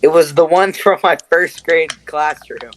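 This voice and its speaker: A young man casually telling a story on a podcast, halting and restarting often. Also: on the high side, steady tone, a little hiss or hum, rough recording. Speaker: podcast guest.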